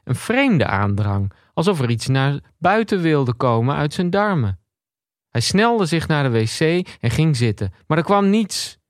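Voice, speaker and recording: A man reads his own silly story aloud with deliberate, storybook pacing. His voice sits a little high and moves animatedly up and down. The sound is close and dry. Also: big pitch swings, dry recording. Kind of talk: comic story reading.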